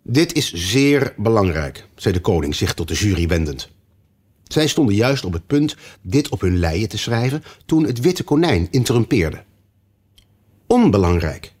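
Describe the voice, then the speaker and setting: A man narrating a children's storybook, his voice low with a husky, breathy grain. He reads in a measured, expressive way, letting his pitch rise and fall in lively arcs. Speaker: audiobook narrator. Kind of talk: storybook reading.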